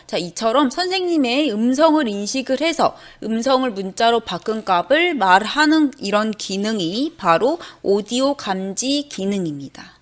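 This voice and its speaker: Female teacher, a little high-pitched, patient step-by-step coding walkthrough. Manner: patient, step-by-step, starts sentences with "ja". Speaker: elementary school teacher. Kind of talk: screen-recorded coding lesson.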